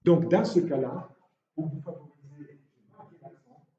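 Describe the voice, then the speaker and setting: A man's voice: fairly high pitch, normal speed, dark tone. A man teaching a university lecture, explaining step by step with frequent hesitations. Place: lecture hall. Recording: roomy, distant, dull lecture-hall recording.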